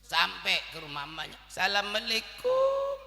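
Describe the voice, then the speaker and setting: A man's voice: very high voice, a little slow. A man with a Betawi accent giving a comic sermon, telling stories and acting out dialogue. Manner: storytelling with acted dialogue, lively. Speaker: preacher. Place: mosque gathering. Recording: echoey hall reverb.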